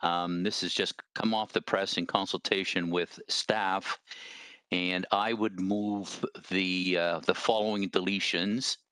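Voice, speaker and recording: A man serving as a city councillor, moving a motion in a formal, deliberate way with some fillers. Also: sits low, fairly even intonation, bright, forceful tone, clean tone, no room sound.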